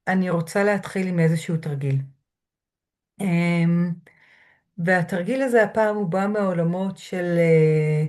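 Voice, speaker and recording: A woman lecturer speaking from home through a computer mic, guiding listeners through a grounding exercise in a slow, measured way with soft pauses. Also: fairly low pitch. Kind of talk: calm guided lecture. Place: home room.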